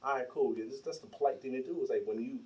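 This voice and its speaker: A man's voice: medium pitch, racing, far from the mic, dull audio. A man in his thirties, a podcast co-host, telling a story in casual chat and acting out the voices of the people in it. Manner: animated storyteller, acts out quoted dialogue.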